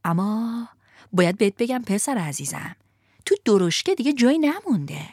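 A woman voicing a fat little coachman in a storybook reading, with a sweet, coaxing, flattering way of talking. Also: medium pitch, husky, no room sound, studio quality. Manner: coaxing, purring. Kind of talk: storybook narration.

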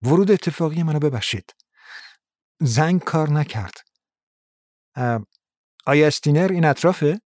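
Brief: a man doing a smooth, quiet, threatening gangster in an audiobook, dry close sound, slow hushed delivery. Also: a little high, expressive, no room sound, close to an everyday voice. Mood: quietly menacing. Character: suave polite menacing middle-aged male gangster.

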